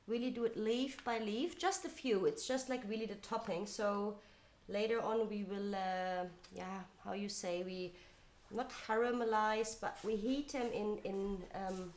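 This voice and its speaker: A woman's voice: medium pitch, fairly even intonation, unhurried, darkish tone, slight background noise. Chatty woman groping for English words. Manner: hunts for words, non-native phrasing, chatty. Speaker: cooking show co-host. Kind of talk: casual livestream cooking chat. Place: kitchen studio set. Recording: echoey room.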